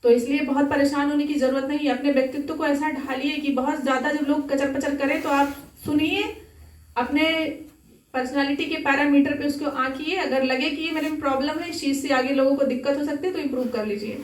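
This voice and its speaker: A woman's voice: high voice, steady tone, fairly quick. A young woman giving an earnest Sunday talk to a gathering, exhorting and conversational in manner. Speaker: spiritual speaker. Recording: echoey hall, mic at a distance.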